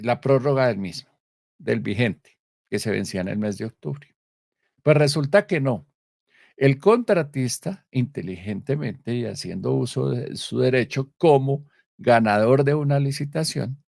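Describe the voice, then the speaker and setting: A man from Colombia hosting a live political commentary show, speaking emphatically with many pauses and self-corrections. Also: mid-range voice, creaky, a little mellow, dry recording, clean studio sound. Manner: emphatic, stresses key words, frequent pauses and self-corrections.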